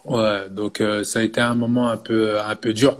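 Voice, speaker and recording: With a fairly low voice at a moderate pace, a Belgian man in his thirties, a personal fitness coach, gives a relaxed interview. He frequently uses the filler "tu vois" ("you see") and often restarts his phrases.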